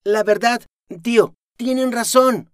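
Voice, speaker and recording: A sarcastic young woman who taunts her opponents in a high, cutting voice. A man puts her on for an audiobook. The recording is dry. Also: unhurried, clear, resonant tone, dry recording. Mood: blunt. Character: mocking, sharp-tongued young woman.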